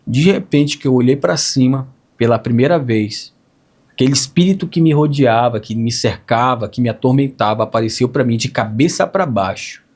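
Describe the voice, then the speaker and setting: A man with a lasting hoarse, raspy voice, earnestly telling an emotional faith testimony and repeating phrases as he recalls it. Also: mid-range voice, darkish tone. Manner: earnest, storytelling with repetitions. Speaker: testimony speaker.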